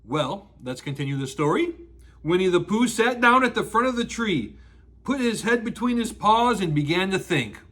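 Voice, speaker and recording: A man's voice: sits high, lively intonation, normal speed, fairly bright tone. A man hosting a children's story time, reading aloud like a rambling, playful grandpa, drawing out and repeating words, with exclamations and sound effects. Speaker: children's storytelling show host. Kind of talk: animated read-aloud children's storytelling with asides to listeners.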